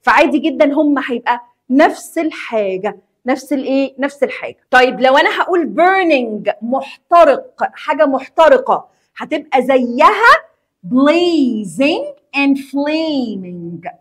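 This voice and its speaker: High, lively Egyptian woman teacher. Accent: Egyptian Arabic. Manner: reads English words slowly and clearly, then explains them in quick colloquial Arabic; chatty, addresses students directly as a group. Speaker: English teacher. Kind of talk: vocabulary lesson for secondary students.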